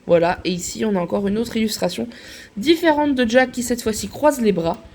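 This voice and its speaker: A woman's voice: a little high, fairly quick, a little mellow. Chatty woman showing her collection. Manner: chatty, many fillers and little "hop" and "voilà" asides. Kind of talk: casual show-and-tell vlog.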